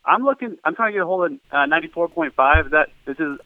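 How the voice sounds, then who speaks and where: A man heard over the phone, the sound thin and tinny as if through a cheap handset, with no room around it. He talks quickly, rambles and keeps saying "yeah". He is a distracted caller phoning in from Phoenix. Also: fairly high pitch, lively intonation, dry recording. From Phoenix, Arizona. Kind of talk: phone call-in chat. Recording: tinny dry phone line.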